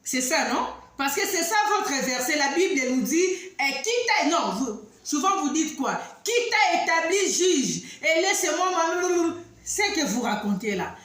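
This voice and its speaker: A high-pitched woman speaks in a strongly echoing room. She tells a story in an animated, emphatic way, sometimes loud and sometimes dropping to low asides. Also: moderate pace, hardly any pauses. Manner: emphatic, warning, swings between loud outbursts and low asides. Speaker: online talk host addressing women. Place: living abroad in southern Africa. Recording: very echoey room.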